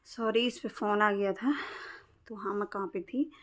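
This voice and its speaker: A woman's voice: mid-range voice, steady tone, moderate pace. A woman vlogger telling a personal story in a blunt, aggrieved way, in casual vlog talk. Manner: blunt, aggrieved recounting of a quarrel. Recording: dull lo-fi sound.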